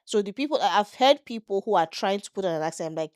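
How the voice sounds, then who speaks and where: A middle-aged Nigerian-accented woman co-hosts a casual podcast, talking fast in an expressive mid-range voice. She keeps the conversation moving to new topics and checks in with "do you get what I mean." The studio-quality audio has no room sound.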